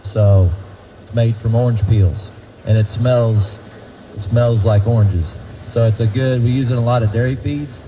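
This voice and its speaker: A man's voice: medium pitch, fairly even intonation, normal speed, mellow, a little hiss or hum, low-quality recording. Folksy man leading a tour. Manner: folksy, quizzes the crowd. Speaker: tour guide at a feed mill. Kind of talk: guided tour talk to a group.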